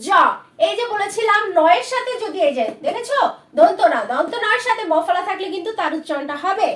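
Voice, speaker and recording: High-voiced woman teaching spelling. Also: fairly bright tone, roomy sound. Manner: patient, repeats words slowly for learners. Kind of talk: spelling lesson at a board.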